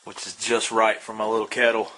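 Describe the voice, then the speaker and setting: A man with a Southern US accent giving a casual how-to demonstration of a homemade stove, relaxed and rambling, with lots of uh and um fillers. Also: on the low side, fairly quick. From Southern United States. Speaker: outdoor gear hobbyist demonstrating a stove.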